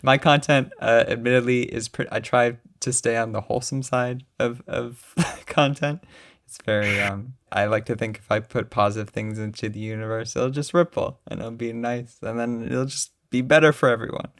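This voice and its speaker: A man's voice: medium pitch, fairly even intonation, normal speed, a bit bright. A young man hosting a casual podcast, talking in an upbeat, playful and encouraging way. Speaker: podcast host.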